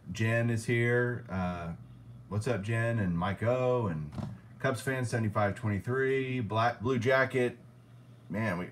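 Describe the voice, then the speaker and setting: A man's voice: lowish voice, slight background noise. A man hosting a casual live stream interview, friendly, greeting viewers by name as he asks his guest questions. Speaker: host of a live stream show.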